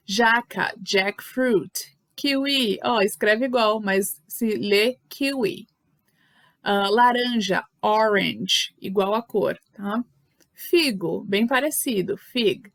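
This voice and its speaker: A woman's voice: fairly high pitch, no room sound. Woman teaching English words. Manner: explains in Portuguese, slows down to model English words. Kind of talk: online English lesson.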